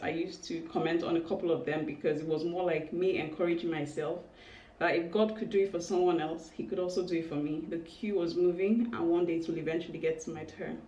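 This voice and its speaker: A woman in her thirties talking casually and confessionally to vlog viewers, candid and emotional, with halting speech and small exclamations. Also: sits low, mellow. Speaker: vlogger. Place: indoors in a home room. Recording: roomy, distant mic, faint noise.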